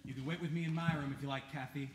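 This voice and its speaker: A man acting a brisk, matter-of-fact relative on stage. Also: on the high side, fairly even intonation, lightly acted. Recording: distant echoey stage recording with audible hiss.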